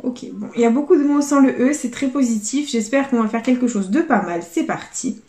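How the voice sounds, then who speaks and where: A young adult woman commenting casually to her viewers as she scratches lottery tickets, spelling out letters and swinging between dread and excitement. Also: on the high side, brisk, reverberant.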